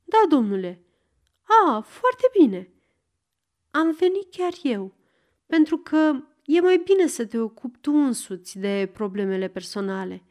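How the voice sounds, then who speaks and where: A bashful unmarried woman of about thirty, read by a woman narrator, answering in short, hesitant murmurs. The voice sits a little high. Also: big pitch swings, a little mellow. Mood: shy, hesitant.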